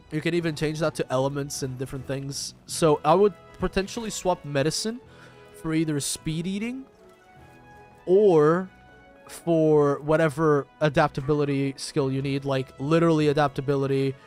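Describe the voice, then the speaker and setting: A man livestreaming a game, chatting casually in an informal, sweary, bantering way. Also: a little high. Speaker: livestream host, gamer. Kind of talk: casual livestream chat while gaming.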